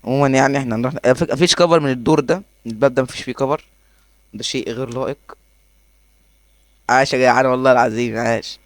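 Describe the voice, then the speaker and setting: A man with an Egyptian accent giving excitable gameplay commentary, laughing often and talking to himself as he plays. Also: medium pitch, racing, long pauses, no room sound. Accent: Egyptian Arabic. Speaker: gaming YouTuber.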